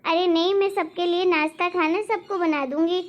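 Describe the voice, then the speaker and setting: A woman voicing a dutiful young daughter-in-law who speaks politely and softly, eager to please, in a cartoon story. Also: very high voice, steady tone, moderate pace, dull audio. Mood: earnest. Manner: polite, soft-spoken, anxious to please.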